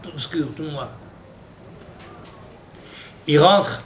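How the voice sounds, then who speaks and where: Animated rabbi teaching, noisy recording. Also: male voice, on the high side, drawn-out words. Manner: storytelling with Hebrew and Aramaic quotes, animated. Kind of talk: Torah lesson in French.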